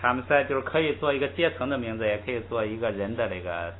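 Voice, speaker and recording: A man with a medium-pitched, expressive voice and a quick pace teaches a language class, patiently explaining step by step and drilling pronunciation aloud. The recording is tinny and lo-fi, with faint hiss.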